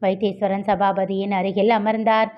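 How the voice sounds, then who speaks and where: A woman reads a novel aloud in a middle-pitched voice. She lifts her pitch when voicing the characters' dialogue. The recording sounds slightly dull and lo-fi. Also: flat delivery, normal speed. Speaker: storyteller.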